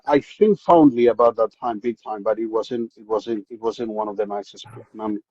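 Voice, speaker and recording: A man's voice: fairly low pitch, moderate pace, husky, no room sound, lo-fi sound. A man from South Africa with a South African accent, a podcast guest talking casually about his upbringing with lots of repeats and restarts. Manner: animated storyteller, many repeated words and restarts. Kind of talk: casual interview chat.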